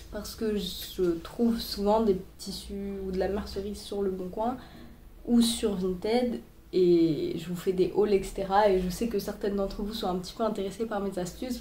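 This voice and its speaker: A young adult sewing vlogger, a little stuffy from a cold, chats through her tutorial with frequent fillers and restarts. Her mid-range voice has a dark tone, captured on her boyfriend's phone in an echoey room with slight background noise.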